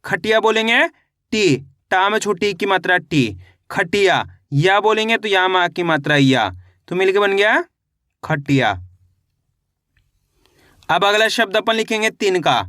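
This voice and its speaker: A man gives an online Hindi reading lesson in a high, bright voice. He drills words syllable by syllable and then says the whole word lower and firmer. The sound is dry and close, with no room echo. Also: expressive, unhurried, long pauses.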